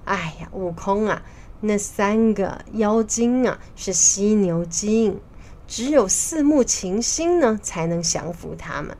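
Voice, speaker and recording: A woman voicing a kindly old celestial sage in a children's story, explaining slowly. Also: mid-range voice, animated, mellow. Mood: advising.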